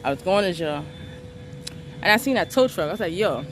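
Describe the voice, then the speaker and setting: A woman talks straight to camera about being wronged, her delivery blunt, profane and unbending. Her voice sits low for a woman, and she hammers each point with emphasis. Faint background noise hangs under her words. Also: lively intonation, a little fast. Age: adult parent of three children. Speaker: vlogger recounting her arrest. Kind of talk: angry storytelling vent.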